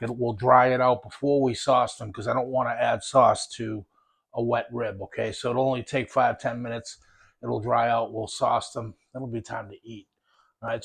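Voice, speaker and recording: A man's voice: medium pitch, creaky, husky. A man hosting a barbecue cooking video, casually walking viewers through smoking and saucing ribs, then tasting them. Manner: relaxed, talks with his mouth full while tasting. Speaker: BBQ cooking channel host.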